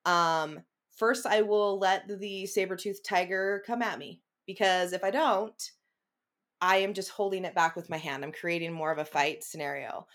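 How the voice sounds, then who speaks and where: A woman's voice: lowish voice, normal speed. A woman hosting a conversational podcast, talking animatedly and acting out her own inner dialogue. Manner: animated verbal processor, acts out inner dialogue. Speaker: podcast host. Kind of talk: casual conversation.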